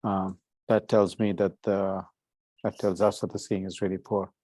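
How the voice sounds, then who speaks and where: Male conference call host, fairly low pitch, casual and courteous, asks plenty of questions. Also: little pitch movement, normal speed, warm tone, no room sound. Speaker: session host and astronomer.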